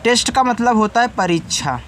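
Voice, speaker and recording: This English teacher's voice is very high, expressive and a bit bright, at a moderate pace, with a little hiss or hum on the recording. Teaching spelling online, he patiently goes letter by letter through each word, explains it, speaks directly to students and corrects his slips.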